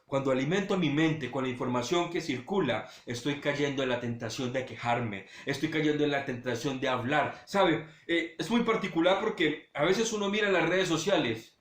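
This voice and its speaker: A male pastor giving a sermon, talking straight to his listeners and swinging between loud urging and hushed low passages. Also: moderate pace, hardly any pauses, echoey room. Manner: direct address to listeners.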